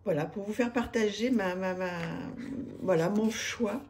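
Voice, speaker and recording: A woman's voice: medium pitch, unhurried, darkish tone, a little hiss or hum. A woman, chatting to camera about her tarot decks, hesitant with many fillers and restarts, enthusiastic. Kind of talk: casual chat to camera. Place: home room with street noise outside.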